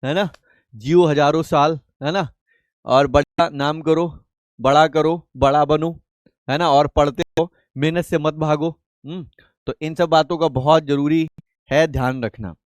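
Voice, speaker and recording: Male teacher, slightly high voice, dry close sound, lectures by quizzing and answering himself. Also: steady tone, unhurried, no room sound. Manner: asks questions and answers them himself in call-and-response; affectionate, calls students beta and babu. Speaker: chemistry teacher. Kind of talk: live online class lecture.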